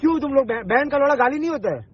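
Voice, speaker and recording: In a dull lo-fi recording of a phone call, an online video maker rattles off words rapid-fire in a very high-pitched, expressive voice. He's confrontational and insistent in the heated argument, swearing and repeating himself.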